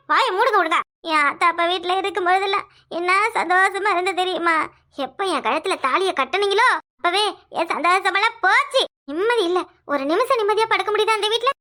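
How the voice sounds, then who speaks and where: A woman voicing a fiery, quarrelsome young wife in a cartoon, scolding quickly and repeating her lines. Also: very high voice, pushed and bright, exaggerated voice. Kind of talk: cartoon voice acting.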